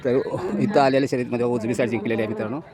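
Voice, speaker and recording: Outdoors at a rural bullock cart race, amid a loud crowd and racing noise, a man vlogs live commentary in a mid-range voice, talking at a racing speed. He chats with viewers as friends and excitedly repeats "look" again and again as the carts pass.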